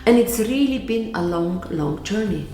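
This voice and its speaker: A woman's voice: mid-range voice, animated, normal speed, gravelly, mellow, roomy sound, soft background music. A middle-aged woman from Bulgaria with a Bulgarian accent, giving earnest, emphatic motivational advice to camera and repeating key words. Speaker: vlogger giving life advice.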